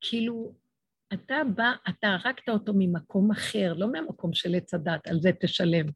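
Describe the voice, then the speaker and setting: A woman's voice: slightly rough, no room sound. A middle-aged woman giving an emotional religious talk to an audience, acting out dialogues as she speaks. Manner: impassioned, acts out dialogues with swinging pitch.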